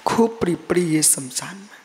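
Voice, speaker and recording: A man's voice: high voice, animated, unhurried, a little hiss or hum. A man, a Jain monk from India, giving a live sermon in a rhythmic, repeating way and calling on listeners by name. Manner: rhythmic chanting, repetition, addresses listeners by name. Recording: long hall reverb.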